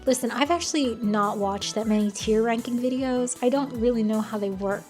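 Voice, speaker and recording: A woman's voice: a little high, brisk, a little mellow. An American woman giving casual, opinionated commentary in a blunt, wry, conversational way. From United States. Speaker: video commentator. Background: music.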